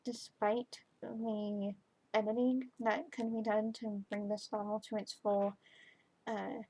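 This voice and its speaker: A woman giving a chatty, informal book review to camera, halting and often trailing off mid-thought. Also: medium pitch, flat delivery, mellow, slightly rough, poor audio. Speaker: book reviewer, video host.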